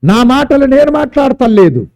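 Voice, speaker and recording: Male pastor preaching, high pitch, dark mellow tone, emphatic drawn-out words. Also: sing-song. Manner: emphatic preaching, repeating and drawing out key words. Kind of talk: sermon. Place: church service.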